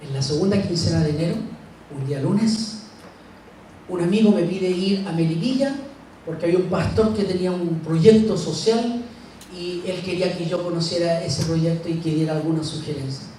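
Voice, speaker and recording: Middle-aged man, dark voice, echoey church. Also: sits high, a little hiss or hum. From Chile. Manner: slow, halting, grief-heavy storytelling with long pauses. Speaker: speaker at a church. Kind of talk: personal testimony talk. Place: church hall. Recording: echoey hall, mic far off.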